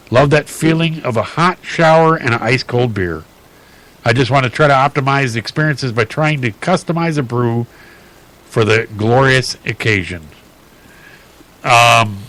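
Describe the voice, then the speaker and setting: A man's voice: medium pitch, fairly bright tone, poor audio. Chatty male radio host reading odd news. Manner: chatty, halting with many fillers and restarts.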